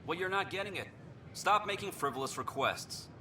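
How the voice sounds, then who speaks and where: A man's voice: sits high, animated, moderate pace, distant mic, background noise. A man voicing a dismissive male station bureaucrat who talks in a curt, scornful way, in game audio.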